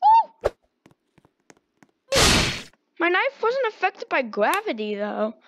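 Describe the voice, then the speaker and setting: A woman giving casual, excitable commentary while playing a video game, with sudden squeals and exclamations. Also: high voice, moderate pace, dull audio, very noisy. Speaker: gaming video host.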